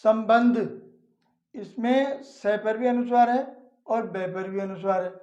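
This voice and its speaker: A woman teaching a reading lesson, slowly spelling out and pronouncing words one at a time. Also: a little high, dark tone. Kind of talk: slow Hindi reading lesson. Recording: echoey room, dull lo-fi sound.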